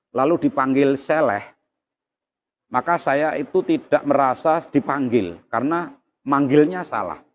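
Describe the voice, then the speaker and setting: A man, giving a calm, measured Quran exegesis lesson as a teacher. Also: medium pitch. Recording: slightly dull lo-fi recording.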